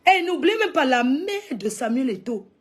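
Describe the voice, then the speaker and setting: A woman with a Cameroonian French accent chatting live with her viewers, animated and exclamatory, calling out to them again and again. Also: high voice, normal speed. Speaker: live streamer. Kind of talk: casual livestream chat with viewers.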